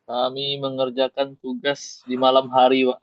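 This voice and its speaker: A man's voice: mid-range voice, monotone, a little slow, dry recording. A man answering his teacher in class with short, polite replies. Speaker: student. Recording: dry, dull lo-fi recording.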